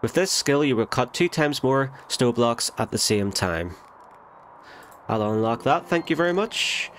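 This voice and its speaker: Animated and fairly bright in tone, this mid-range male voice belongs to a gaming channel host doing a relaxed let's play. He's nasal from a cold, chatty, and keeps thinking aloud and correcting himself at a measured pace. Slight noise sits in the background.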